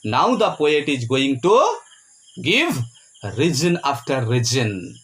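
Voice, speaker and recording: A man teaching a poem. He speaks with heavy emphasis, spells words out letter by letter and checks in with "Clear?". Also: medium pitch, very animated, takes it slowly, fairly bright tone. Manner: ends points with a rising "Clear?". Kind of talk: poetry lecture.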